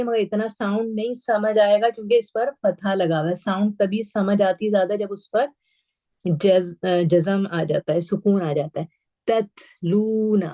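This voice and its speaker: A woman teaching Quran recitation, patiently explaining letter sounds and repeating each one slowly for her pupils, with English words mixed into her Urdu. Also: medium pitch, a little mellow. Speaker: tajweed teacher. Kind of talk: online class instruction.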